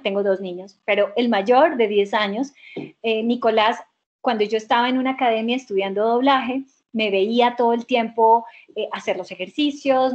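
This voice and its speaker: A woman teaching a dubbing workshop, answering questions emphatically and repeating key words. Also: a little high. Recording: muffled video call audio.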